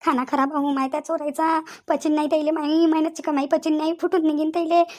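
Woman as a fussy, whiny cartoon village aunt, high and rapid. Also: level tone, mellow, close to an everyday voice. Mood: lamenting. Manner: fast, wailing, whiny complaining. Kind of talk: cartoon comedy voice acting.

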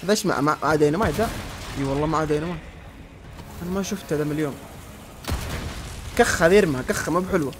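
A man giving let's-play commentary, yelling insults at enemies and then dropping to low muttering. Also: rapid-fire, pauses often, background noise. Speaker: gamer.

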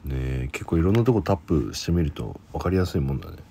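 A man's voice: rumbling low, animated, fast talker, mellow, breathy edge. A man playing a horror game with casual commentary and playful, exclamatory banter. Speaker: gaming video co-host.

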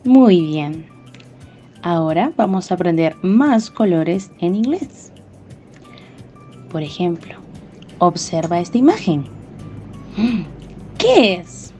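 A woman teaching English to small children, talking in a slow, exaggerated sing-song teacher voice with gasps of surprise. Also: on the low side, sing-song, warm tone. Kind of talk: bilingual lesson for small children. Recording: faint music behind.

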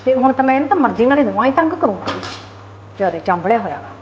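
An actress playing a sharp-tongued sister-in-law who scolds with sarcasm. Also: female voice, a little high, big pitch swings, very fast, highs cut off, background noise. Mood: scolding. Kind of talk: Punjabi short film acting.

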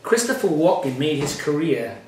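A man's voice: fairly high pitch, big pitch swings, normal speed, darkish tone, slight background noise. A man hosting a casual chat, talking in a rambling, easygoing way and laughing easily. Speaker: host. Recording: roomy echo, mic at a distance.

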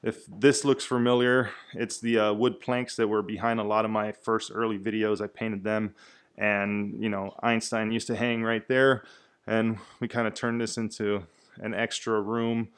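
A man in his thirties narrates a walk through his home, recorded on the camera he carries from room to room. His voice sits low and stays flat, with little rise or fall. He talks in a loose, rambling way, full of fillers and restarts. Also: moderate pace, smooth. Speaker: vlogger giving a house tour. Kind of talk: casual house-tour narration. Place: indoors in a house, walking room to room.

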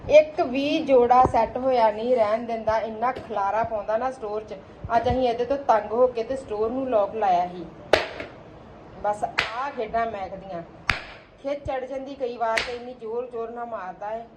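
A woman speaks to her small child in a home video, her voice sitting a little higher than most. She coaxes, teases and scolds him in a playful way. A faint hiss sits under the recording. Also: fairly quick, highs cut off. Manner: teasing, coaxing, playfully scolding. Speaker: mother filming her child.

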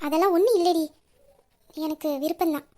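A woman voicing a hesitant young bride-to-be, high and soft. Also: brisk. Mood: evasive. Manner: hesitant, evasive, subdued. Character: troubled young bride-to-be, secretly in love. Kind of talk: audio story reading.

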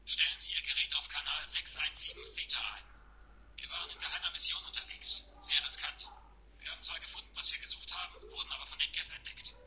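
A man's voice: a little high, huge pitch swings, quick pace, vocal fry, bright, forceful tone, whispered, heavily acted. A man voicing a male marine in a video game who is pinned down and calling for help over a sci-fi radio communicator, in clipped military speech. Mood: terse. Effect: sci-fi radio communicator transmission. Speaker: game character. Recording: noisy crackling radio channel.

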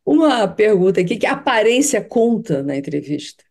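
Brazilian lady host, mellow warm voice, asks the guest questions. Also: mid-range voice, big pitch swings, normal speed, vocal fry. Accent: Brazilian Portuguese. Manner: asks questions, reads program teasers. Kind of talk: TV interview.

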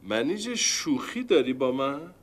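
An actor playing an easygoing, bewildered husband in a TV sitcom. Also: male voice, mid-range voice, very animated. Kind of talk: TV sitcom acting.

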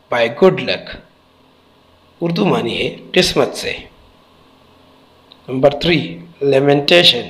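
A man's voice: medium pitch, a bit bright, rough recording. A man teaching a textbook lesson, spelling out letters and repeating each word carefully.

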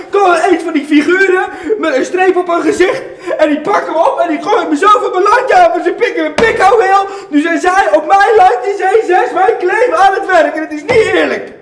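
A man playing an excitable, hapless gold prospector in an exaggerated comic children's western, whiny and exclaiming. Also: extremely high pitch, normal speed, few pauses, slight background noise. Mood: outraged. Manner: whiny, over-the-top, exclaiming.

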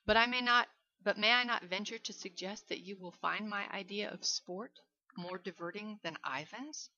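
A woman's voice: medium pitch, normal speed, sharp tone, no room sound, dull audio. A woman voicing a suave, menacing aristocratic male general with mocking courtesy.

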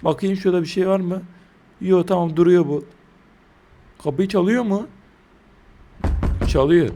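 A man's voice: sits high, measured pace, mellow. A young man from Turkey doing let's play commentary, joking crudely and shrieking when startled. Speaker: gaming YouTuber.

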